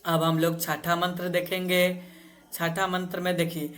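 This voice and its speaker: A man teaching Vedic chanting, reciting verses slowly syllable by syllable and breaking off into quick spoken explanations. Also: high-pitched, monotone, fairly bright tone.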